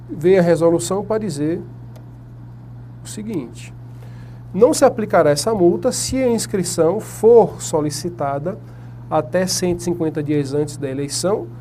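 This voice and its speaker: A man with a Brazilian Portuguese accent and a high, warm, expressive voice teaches an exam-prep class at a whiteboard, talking at a normal speed. He poses questions to the class and then answers them himself, with slight background noise in the recording.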